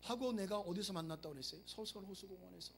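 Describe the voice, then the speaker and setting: A middle-aged male pastor giving a lively sermon, acting out prayers and joking with the congregation. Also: high voice, quick pace, vocal fry. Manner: animated, acts out prayers and quotes, jokes with the congregation. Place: church sanctuary.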